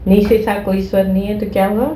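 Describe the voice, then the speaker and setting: A woman's voice: medium pitch, little pitch movement, a little fast, very noisy. Patient woman teaching flute, echoey room. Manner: patient, repeats steps and checks understanding. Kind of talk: explaining a music lesson.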